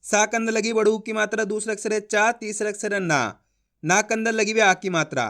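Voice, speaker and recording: A man's voice: high voice, steady tone, a little fast, fairly bright tone. A man teaching an online reading lesson, sounding out each syllable before blending them into the whole word and coaching viewers as friends.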